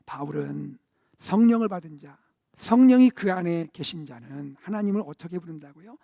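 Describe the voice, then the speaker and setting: High-voiced middle-aged male pastor preaching. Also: expressive, moderate pace, gravelly, dry recording, clean studio sound. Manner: warm conversational preaching, swells to loud emphasis then drops to near-whispers. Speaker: senior pastor. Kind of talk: sermon.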